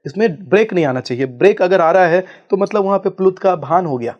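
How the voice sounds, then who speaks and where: A man's voice: sits high, lively intonation, a little fast. Man expounding, slightly dull sound. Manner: expounding, chants Sanskrit verses. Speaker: spiritual guest, acharya. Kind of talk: explanatory interview talk.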